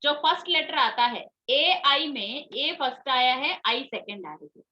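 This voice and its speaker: Slow, bright-voiced woman teaching phonics. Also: high voice, expressive. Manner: slow, drawn-out vowel demonstrations, calls pupils "beta". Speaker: schoolteacher. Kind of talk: online English phonics class. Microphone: video call. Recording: dull lo-fi video-call audio.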